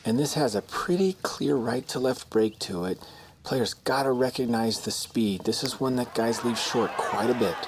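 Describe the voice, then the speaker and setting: A man voices a male golf commentator out on the course in a video game. He is matter-of-fact and sits at an average pitch. There is clear background noise in the recording. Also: moderate pace, close to an everyday voice.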